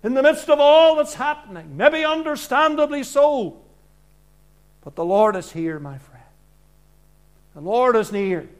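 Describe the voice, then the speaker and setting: A man preaching an evangelical sermon in earnest, deliberate short phrases, swinging from hushed lines to loud projection. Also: extremely high pitch, lively intonation.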